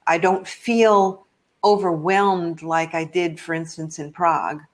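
An older American woman speaks from her living room over a headset on a video call. Her voice sits a little low, and she tells travel stories in a chatty, rambling way, with frequent ums. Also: fairly even intonation, takes it slowly. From United States. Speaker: travel blogger guest.

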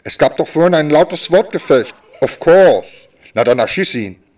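A man speaking as a sign language voice interpreter, voicing stand-up comedy in a lively way that swings between loud and soft. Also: a little high, measured pace, recorded from a distance.

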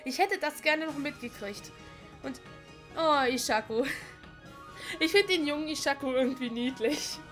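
A woman's voice: sits high, measured pace, long pauses, a bit bright, soft background music. A woman giving casual, enthusiastic let's-play commentary while she finishes a game, gushing and chatty. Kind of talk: casual commentary over gameplay.

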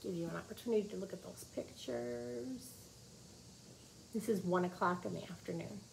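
A woman in her forties with a lowish, darkish voice reads at a moderate pace. Her material is a children's nonfiction book, delivered teacher-style in a small office with simple explanations for young listeners. Noisy room ambience is clearly audible.

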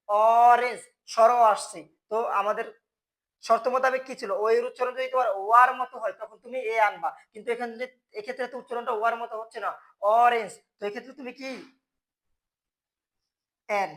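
A teacher with a Bangladeshi Bengali accent talks through a grammar lesson for school students. He keeps putting questions to the class and answering them himself, in a mid-pitched voice. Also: fairly even intonation, fast talker, pushed and bright.

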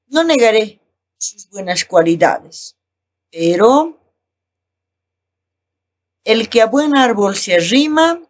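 A woman teacher with a Bolivian Spanish accent, explaining a lesson slowly and reading examples aloud. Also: on the high side, breathy edge. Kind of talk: recorded class lesson.

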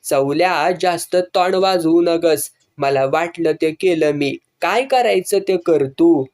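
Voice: mid-range voice, slow pace, darkish tone, close to an everyday voice. A reader voicing a burly male hunter who answers back sullenly and defiantly.

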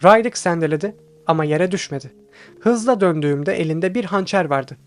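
A man narrates a first-person audiobook in a tense, steady voice. His pitch sits high for a man. Faint music plays underneath the reading. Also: moderate pace. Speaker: audiobook reader. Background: faint background music.

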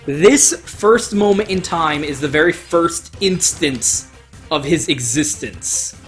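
With a mid-range voice that takes its time, a gaming host commentates on a let's play, swearing a lot and joking as he goes in a casual, emphatic style. Video game music plays in the background of the recording.

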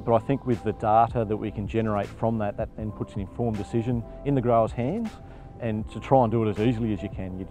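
A man's voice: lowish voice, warm tone. A man, a farm manager talking casually and plainly outdoors. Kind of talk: interview.

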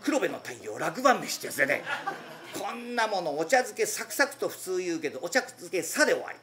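A cheeky, idle young master, put on by a rakugo storyteller who gossips and complains with quick, playful comic timing. His voice jumps up and down in pitch, and he rattles his lines off at speed. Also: sing-song, a bit bright, a little hiss or hum. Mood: gossipy. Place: former public bathhouse used as an event venue.

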